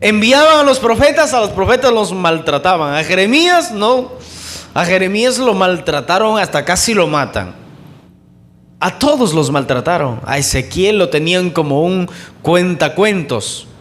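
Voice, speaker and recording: A man preaching a sermon, fervent, calling his listeners brothers and asking rhetorical questions, racing through some phrases and slowing right down on others. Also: high voice, expressive, fairly bright tone. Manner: shifts between quick bursts and slow emphatic phrases.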